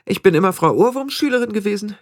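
Vain young witch girl, high and boastful, read by a man, lively, dry sound. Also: fast, dry recording. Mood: proud, anxious. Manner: high, boastful, near tears.

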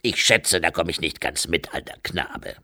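A boastful, gruff old warrior called War, as an audiobook reader puts him on. The voice sits very deep and pushes with a hard, forceful edge. It is recorded dry and close. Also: male voice, normal speed, no echo. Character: War, ancient boisterous male warrior growing old. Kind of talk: audiobook character voice.

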